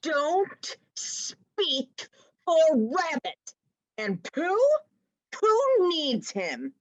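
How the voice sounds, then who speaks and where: An actor playing a curt, bossy rabbit with a haughty, drawn-out delivery in a comic stage play reading. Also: high voice, wildly swooping pitch, a bit bright, full character voice, low-quality recording. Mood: snippy, disdainful.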